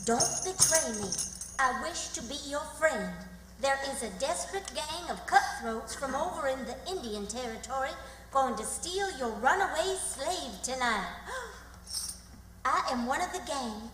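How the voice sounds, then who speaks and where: A woman playing an excitable, bossy country aunt, dramatic and breathless in radio theatre style. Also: high voice, measured pace. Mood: dramatic reading. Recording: echoey hall, faint noise.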